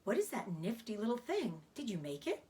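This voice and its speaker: A woman's voice: medium pitch, wildly swooping pitch, brisk, mellow. Woman voicing Wilbur, an eager, swooping young pig. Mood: curious. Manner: wide-eyed, earnest, questioning. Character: young male pig, eager, innocent, curious, devoted. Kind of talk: children's storybook read-aloud.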